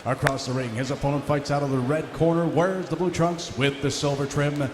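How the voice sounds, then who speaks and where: A man's voice: a little high, fairly even intonation, moderate pace. A man working as a boxing ring announcer, formally introducing fighters in French and English and stretching out names. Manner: bilingual, switching between French and English. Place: large indoor boxing arena, over the PA. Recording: echoey arena sound with faint noise.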